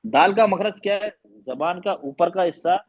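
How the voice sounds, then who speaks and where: A man's voice: sits high, moderate pace, dull audio. A man teaching Quran recitation in an online class, patiently repeating letter sounds for students to echo.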